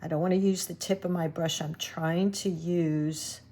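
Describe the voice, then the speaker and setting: A woman giving a relaxed watercolor painting demonstration, thinking aloud as she works and chatting to her viewers. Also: on the low side, moderate pace. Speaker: watercolor art teacher.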